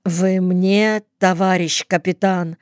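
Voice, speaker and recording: Desperate young male soldier, read by a woman; urgent shouted pleading, clear dry audiobook read. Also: lowish voice, steady tone, slow, no room sound. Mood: stammering pleading.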